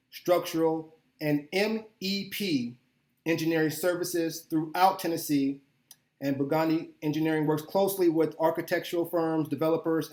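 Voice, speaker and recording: A man's voice: on the high side, darkish tone, roomy sound. A man hosting a podcast interview in a casual, upbeat way, often repeating words as he goes. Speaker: podcast host.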